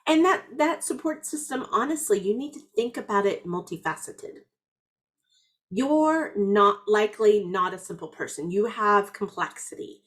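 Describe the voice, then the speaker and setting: A middle-aged woman business coach giving an earnest, encouraging motivational talk, with warm asides. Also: mid-range voice, animated, moderate pace.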